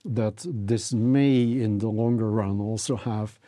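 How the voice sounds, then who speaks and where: An older man being interviewed as an academic, speaking in a thoughtful, halting way with many restarts. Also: on the low side, steady tone, mellow, no room sound. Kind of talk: reflective interview talk. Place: university office.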